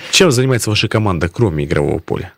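In a radio studio, a male host conducts a conversational interview, putting long, wordy questions to his guests. His lowish voice is expressive and racing, with no echo.

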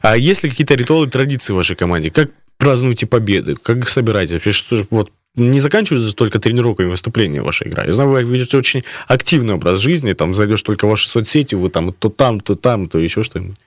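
A man's voice: lowish voice, expressive, fast talker, few pauses, no room sound, studio quality. A man hosting a conversational radio interview, putting long, wordy questions to his guests. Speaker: radio host. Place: radio studio.

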